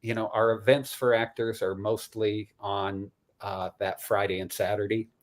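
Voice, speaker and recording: A man on a video call talks casually and loosely about his event. His voice is a bit low. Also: little pitch movement, moderate pace. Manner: rambling, full of you-knows. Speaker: conference organizer. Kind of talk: casual chat.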